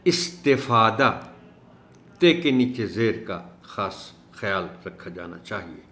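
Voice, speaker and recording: A man teaching an Urdu lesson for teachers, speaking in a measured way and slowing down to stress each word he corrects. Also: sits low, lively intonation, fairly bright tone. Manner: measured, stresses words slowly when correcting pronunciation. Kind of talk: instructional video lesson. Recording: echoey room.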